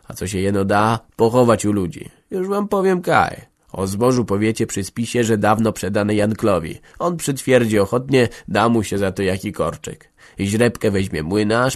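A man's voice: on the low side, close to an everyday voice. A man doing a sly scheming village headman. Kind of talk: audiobook character voice.

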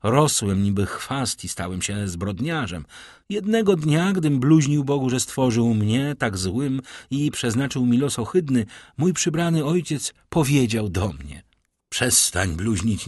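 A man's voice: medium pitch, husky, dry recording, studio quality. A man reading an audiobook, voicing a young male defendant who speaks with bitter defiance.

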